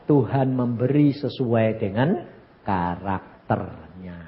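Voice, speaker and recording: An elderly man voicing God as a calm, gentle speaker addressing a soft-natured woman, in a low, slow tone. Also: in a large hall, highs cut off. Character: stern yet tender God speaking to a gentle wife.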